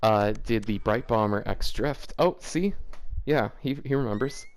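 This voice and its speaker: A show host with a mid-range, measured voice reads fanfiction aloud casually, breaking off now and then for amused, mocking asides.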